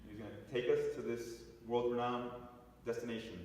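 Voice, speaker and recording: A man's voice: mid-range voice, flat delivery, fairly quick, a little mellow, slight background noise. A man giving a talk to a congregation, telling a story with restarts and asides to the audience. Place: church hall. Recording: echoey hall, picked up from a distance.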